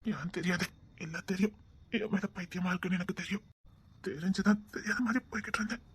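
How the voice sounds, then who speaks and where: A woman's voice: lowish voice, fairly even intonation, fast talker, slightly rough. A woman voicing a tender injured husband. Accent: Tirunelveli Tamil. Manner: soft, gently reassuring.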